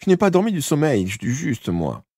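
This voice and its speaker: A man voicing a mischievous, defiant young boy in an audiobook, raising his voice high and loud. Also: sing-song, normal speed, slightly rough, dry recording, clean studio sound, heavily acted. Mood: cheeky. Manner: bright, insistent denials. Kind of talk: audiobook character voice.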